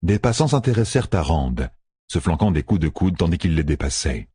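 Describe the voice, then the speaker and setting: A man narrating a fantasy audiobook in an expressive, storytelling manner, close to the mic. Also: sits low, brisk, husky, dry recording.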